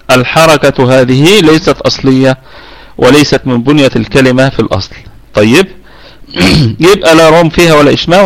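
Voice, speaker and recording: A middle-aged Quran recitation teacher with an Egyptian Arabic accent runs a live online tajweed lesson in a slightly bright, higher-pitched voice. He explains patiently, often correcting himself partway through a sentence.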